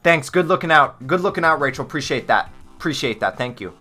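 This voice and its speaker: Male streamer, casual chat, playful, goofy, animated pitch, faint music. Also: quick pace.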